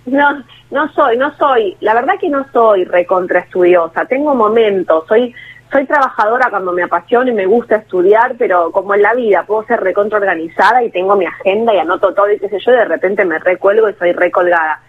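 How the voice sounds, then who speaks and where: A woman's voice: mid-range voice, fast talker, husky. A woman with a Rioplatense Spanish accent, a guest talking casually and self-deprecatingly in a radio interview, with many restarts. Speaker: guest, actress and singer. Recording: tinny phone line.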